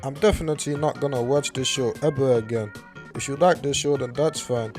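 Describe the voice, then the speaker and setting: A man's voice: mid-range voice, fairly even intonation, brisk, darkish tone, faint music behind. A young man giving casual commentary on a cartoon in a sarcastic tone, with plenty of swearing.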